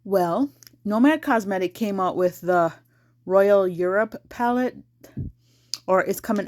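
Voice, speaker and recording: A woman in an easygoing beauty vlog, chatting to camera as she works. She rambles and thinks aloud, backing up to fix her own words as she goes. Her voice sits at a plain middle pitch. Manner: chatty, thinks aloud, corrects herself mid-sentence. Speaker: beauty vlogger. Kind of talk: casual rambling chat to camera.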